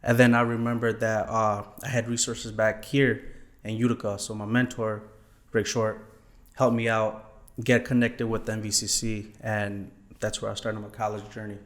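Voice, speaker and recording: A young man from Thailand, a former college student, is an interview guest who answers questions politely, often saying "yes sir" and "um." His low voice comes out flat at a normal speed.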